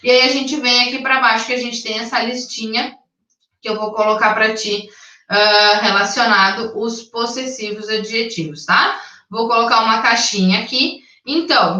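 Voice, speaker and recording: A woman English teacher, patiently explaining a recorded lesson, checking in often and reading English sentences slowly and carefully. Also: on the high side, pushed and bright. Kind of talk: recorded online class explanation. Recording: dull, echoey sound from a distance.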